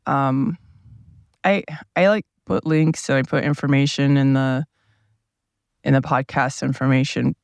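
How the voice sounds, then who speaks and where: A man hosting a casual solo podcast from inside a parked RV, rambling along in a relaxed, meandering way with his low morning voice. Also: unhurried, vocal fry, long pauses, smooth, no echo, clean studio sound. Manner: meandering, relaxed, thinking aloud with many asides. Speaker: podcast host. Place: seated at a table inside a parked RV. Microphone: small mic powered by a tablet.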